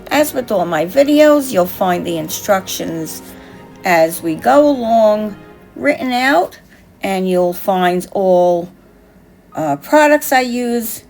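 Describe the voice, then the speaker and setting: A craft tutorial host, a woman, narrates a scripted, reflective piece over a craft video in short, measured phrases. She takes her time, her voice carries gravelly fry at the edges, and her pitch rises and falls expressively.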